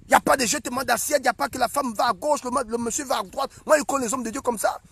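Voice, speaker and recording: A young man preaching an animated sermon as a prophet, emphatic and repetitive. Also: very high voice, racing, creaky, husky, no room sound, soft background music. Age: young adult. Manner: emphatic and repetitive, acts out scenes.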